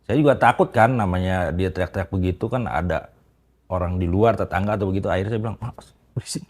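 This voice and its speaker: Man, very low voice, interview guest, casual confession, halting, many fillers, mostly quiet. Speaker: interviewee telling a personal story.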